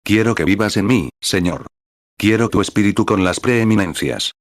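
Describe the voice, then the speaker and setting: A man with a very low voice reads a sermon in an earnest, solemn preaching tone. The sound is dry and close, with no room around it. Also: animated, moderate pace, no room sound. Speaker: preacher's voice-over translator. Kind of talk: reading a translated sermon.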